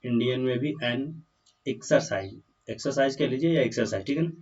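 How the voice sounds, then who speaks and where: A man's voice: mid-range voice, a little fast, darkish tone. Hindi-speaking man teaching grammar, distant. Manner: keeps asking the class questions, calls students "बालक". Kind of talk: grammar lesson explained in Hindi. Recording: dull distant classroom recording.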